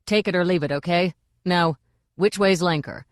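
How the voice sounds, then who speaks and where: Sour, growling dwarf driver, read by a woman; low, dry and grudging. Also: moderate pace, no echo, close to an everyday voice. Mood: grumbling. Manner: gruff, sullen. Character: grumpy sour male dwarf wagon driver.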